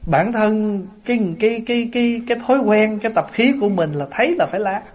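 A man giving a Buddhist sermon to an assembly, telling lively everyday stories. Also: high-pitched, fast talker. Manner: lively storyteller, acts out everyday scenes with laughter. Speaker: Buddhist monk giving a Dharma talk.

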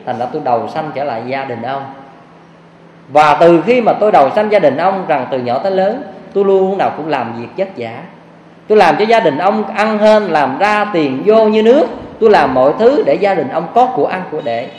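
A man's voice: a little high, lively intonation, fairly quick, a little mellow, natural voice. A man voicing a young man who coldly reproaches an old rich man for the debts between them. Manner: cold, reproachful. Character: poor young man, cold and resentful debtor reborn. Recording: echoey hall, faint hiss.

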